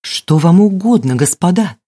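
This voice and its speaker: A woman narrator voicing an older male glassmaker who asks questions slowly and cautiously. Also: high voice, animated, warm tone, breathy edge. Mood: puzzled, cautious. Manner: slow, puzzled questioning.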